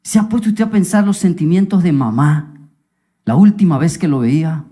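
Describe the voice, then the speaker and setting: A preacher delivering a dramatized sermon, telling the story with lively asides and questions to the congregation. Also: mid-range voice, normal speed. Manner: animated storytelling with humorous asides.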